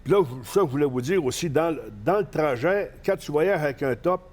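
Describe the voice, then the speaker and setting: Older male guest, Saguenay Quebec French accent, animated storyteller, salty language. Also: on the high side, fairly quick, soft background music. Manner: animated, swears freely, many fillers. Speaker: guest, professional wrestler. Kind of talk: casual anecdote storytelling.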